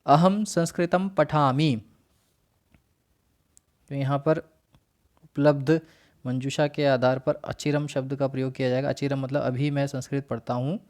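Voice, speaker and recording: A man teaching a worksheet lesson, reciting word lists in a slow, measured way and then explaining each one. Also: mid-range voice, level tone, mellow.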